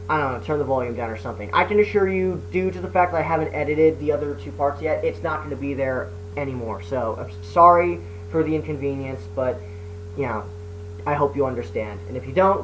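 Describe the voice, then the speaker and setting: A man speaking casually and apologetically to viewers as a video creator, hesitant, sweary and self-deprecating. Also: a little high. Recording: noisy hum, poor microphone.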